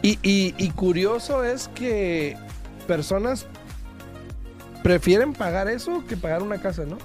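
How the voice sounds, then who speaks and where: A man's voice: high voice, expressive, measured pace, a little mellow, faint music behind. A man co-hosts an on-air talk show, commenting informally and rephrasing as he goes. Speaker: radio show co-host.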